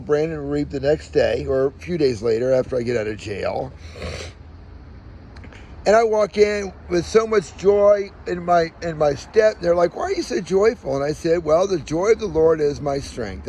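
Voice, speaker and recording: A man's voice: a little high, lively intonation, normal speed, a little mellow, slight background noise. A man telling his own story in an aggrieved, emphatic rant, his speech slightly slurred by missing front teeth. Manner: aggrieved, emphatic, acts out reported dialogue.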